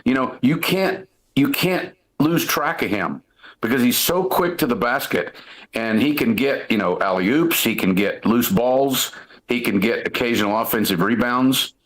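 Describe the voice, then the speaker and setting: A man's voice: medium pitch, expressive, unhurried, fairly bright tone, rough recording. A middle-aged man, a former coach co-hosting a casual sports talk show, telling rambling stories full of restarts. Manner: rambling, storytelling, frequent restarts and "listen".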